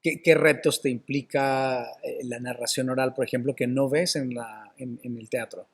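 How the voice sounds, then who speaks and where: A man's voice: medium pitch, fairly even intonation, moderate pace, slightly rough. A man hosting an interview, supportive and reflective, often completing the guest's thoughts. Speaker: interviewer, stage creator. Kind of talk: conversational interview.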